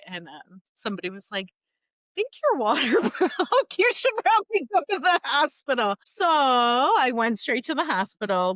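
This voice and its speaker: A woman talks through her own story as a podcast guest, chatty and animated, leaning on fillers like "like" and "you know". Her voice sits at an ordinary middle pitch. The recording is dry and close, with no room echo. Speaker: podcast guest, doula business founder. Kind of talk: personal storytelling in a podcast interview.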